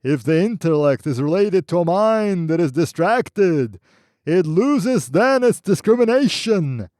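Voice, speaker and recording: Relentless unseen spirit, a man doing the voice: high, thundering, slow. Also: big pitch swings, a little mellow, dry recording, clean studio sound. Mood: intoning. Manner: thundering, commanding. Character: wild booming unseen male spirit, relentless.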